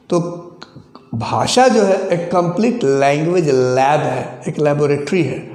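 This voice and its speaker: A male teacher lectures in a slow, measured way, often pausing to check that his listeners follow. His voice sits a little high for a man. The recording has a roomy echo with a long reverb tail. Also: warm tone. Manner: slow, deliberate explaining with frequent "theek hai" check-ins. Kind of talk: classroom lecture. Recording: echoey room with long reverb.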